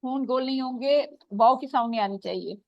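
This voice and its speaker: A woman teaching Quran recitation in an online class, patiently repeating sounds slowly for her students. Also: high-pitched, creaky, no room sound, muffled recording.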